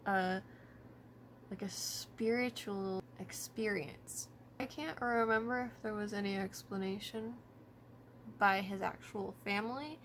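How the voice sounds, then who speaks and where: A woman's voice: medium pitch, a little hiss or hum. A woman talking informally to camera about true crime, thinking aloud and hedging as she goes. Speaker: vlogger.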